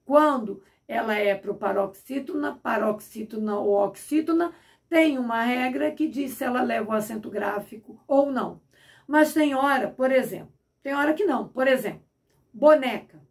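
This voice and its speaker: Woman teacher, high voice, far from the mic. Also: lively intonation, gravelly. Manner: asks and answers her own questions, repeats examples slowly. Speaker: Portuguese teacher. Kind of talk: explanatory grammar lesson.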